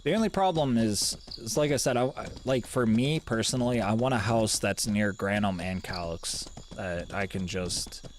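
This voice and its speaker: A man's voice: on the low side, normal speed, few pauses, a little hiss or hum. A man streaming a game live, talking in a laid-back, rambling way and swearing casually.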